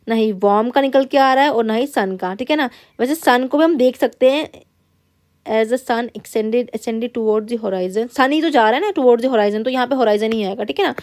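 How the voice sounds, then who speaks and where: Higher-pitched woman teaching exam English. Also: darkish tone. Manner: repeats "theek hai na" as a check-in, reads English passages slowly. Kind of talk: classroom-style exam lesson.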